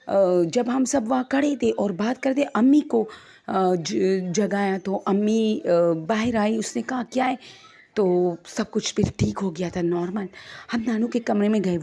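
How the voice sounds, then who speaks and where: A woman's voice: mid-range voice, vocal fry, warm tone. A woman, chattily retelling a first-person ghost story to her listeners as friends and acting out the quoted dialogue.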